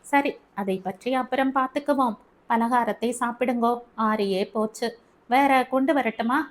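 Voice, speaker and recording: A woman as a gentle, patient young wife. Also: fairly high pitch, moderate pace, natural voice. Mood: gentle, pleading. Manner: soft, calm and pleading. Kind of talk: audiobook character reading.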